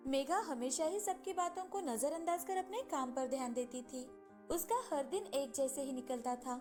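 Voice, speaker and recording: Woman, high pitch, storybook cartoon narrator, soft music behind. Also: normal speed. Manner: voices every female figure herself.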